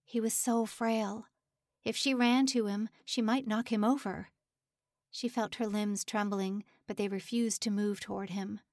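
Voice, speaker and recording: A woman narrating an audiobook in a steady, measured storytelling voice. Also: medium pitch, dry recording, studio quality.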